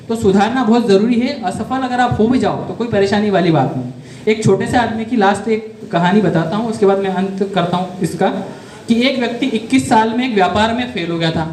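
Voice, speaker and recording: Male teacher with a Malwa Rajasthani accent, high voice, echoey classroom, drills and corrects pupils. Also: darkish tone. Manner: quizzes students, repeats words to correct them. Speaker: career guidance teacher. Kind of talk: classroom lecture. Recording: echoey room with faint noise.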